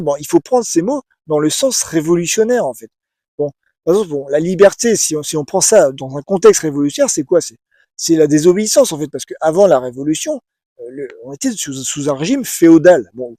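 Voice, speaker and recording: A man talks through his ideas in a casual, halting way, repeating words and restarting his sentences as he goes. His voice sits a little high but sounds mellow and soft-edged. The recording is dry and close. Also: no echo. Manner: hesitant, many repeated words and restarts, often asks "vous voyez?". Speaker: video essayist. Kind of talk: casual spoken commentary to camera.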